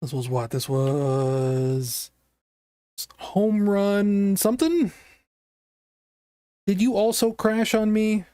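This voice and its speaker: A streamer with a naturally scratchy voice giving casual gameplay commentary, chatty and quick to react aloud. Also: mid-range voice, warm tone, smooth, no room sound.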